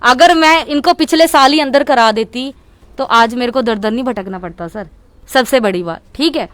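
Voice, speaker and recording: High-voiced, indignant young woman. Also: moderate pace, a bit bright, no room sound. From Chandigarh, India. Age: young adult. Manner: indignant, insistent, keeps repeating "okay". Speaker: interviewee speaking to media. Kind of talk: heated media interview.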